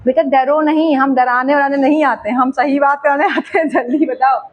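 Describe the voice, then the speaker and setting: Very high-voiced woman teacher coaxing students. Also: steady tone, normal speed, lo-fi sound. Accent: eastern Uttar Pradesh Hindi. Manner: coaxing, teasing questions to students. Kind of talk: classroom chemistry lesson. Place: classroom.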